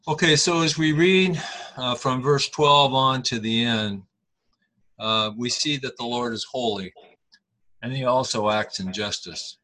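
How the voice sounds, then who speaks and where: A middle-aged man leading a Bible study, explaining a passage slowly with many fillers and restarts. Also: medium pitch, sharp tone, poor audio.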